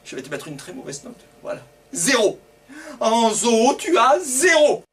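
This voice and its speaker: A man's voice: very high voice, big pitch swings, a little slow, recorded from a distance, pitched above the performer's own voice, heavily acted. A man voicing a strict, exasperated female schoolteacher who scolds her pupils. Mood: scolding.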